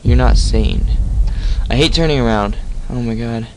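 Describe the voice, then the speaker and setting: A man's voice: medium pitch, moderate pace, background noise. Jumpy young man playing a horror game. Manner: jumpy, jokey, talks to the game. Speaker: gaming channel host. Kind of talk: let's play horror commentary.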